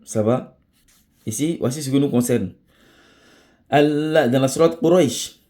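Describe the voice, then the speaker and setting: A man teaching a tajwid lesson in French, mixing in Arabic terms and repeating each point with a steady "ça va?". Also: medium pitch, normal speed. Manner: checks in with a repeated "ça va?"; mixes French explanation with Arabic phrases and terms. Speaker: Quran recitation teacher.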